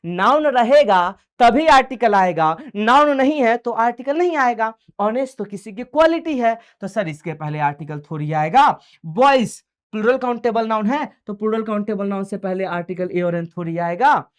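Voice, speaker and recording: A male teacher leads an online exam-prep grammar class in a familiar, coaxing tone. He keeps asking questions and answering them himself, and drops English grammar terms into his quick explanations. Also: high-pitched.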